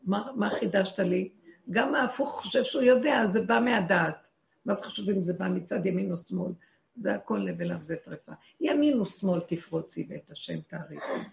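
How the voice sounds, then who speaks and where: A woman giving a religious talk to a group, passionate and animated, asking rhetorical questions and shouting out quoted lines. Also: mid-range voice, vocal fry. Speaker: spiritual teacher. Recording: echoey lo-fi room recording.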